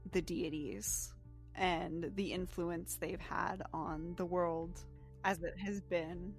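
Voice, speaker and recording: A woman narrating a tabletop game as game master, describing scenes with small hesitations. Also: fairly low pitch.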